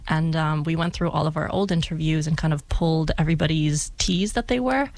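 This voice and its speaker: A woman's voice: low voice, a little fast, a little mellow, no echo. A young woman co-hosting a casual college radio talk show, chatty and hesitant with fillers. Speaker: co-host.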